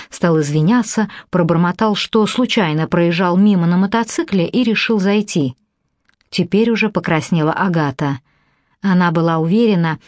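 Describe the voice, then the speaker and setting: Lowish woman voice reading an audiobook, calm and steady, dry close mic. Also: no echo. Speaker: audiobook narrator. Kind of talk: scripted narration.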